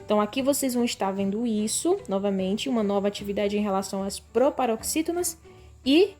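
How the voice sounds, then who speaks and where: A Brazilian woman teaching a primary class in a recorded lesson, with a mid-range voice. She speaks patiently to the pupils, slowing right down to sound out example words. Faint music sits underneath. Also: mid-range voice, lively intonation, dark tone. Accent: Brazilian Portuguese. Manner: slow, stretched-out word readings for pupils; addresses class as "pessoal". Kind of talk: online school lesson.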